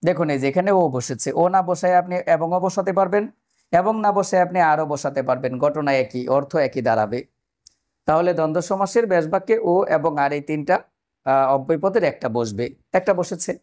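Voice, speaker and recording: A man's voice: a little high, fairly quick, a little mellow. A man teaching an exam-prep grammar lesson, explaining step by step and putting questions to his viewers.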